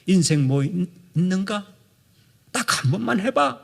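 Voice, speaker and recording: A man voicing a sly male devil who tempts with soft, wheedling persuasion. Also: high voice, sing-song, a little slow, creaky, husky, long reverb tail, heavily acted.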